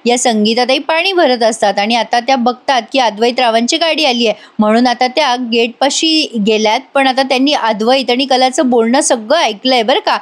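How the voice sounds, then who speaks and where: A woman with a high voice narrates a TV serial episode in a chatty, amused tone. She retells scene after scene casually, as if talking to a friend. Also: normal speed, hardly any pauses. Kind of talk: casual storytelling recap.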